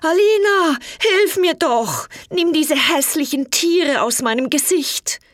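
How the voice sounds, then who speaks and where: A woman voicing a foolish young knight who later repents, earnest and raised in pitch. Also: sing-song, normal speed, no room sound, studio quality, natural voice. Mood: terrified screaming.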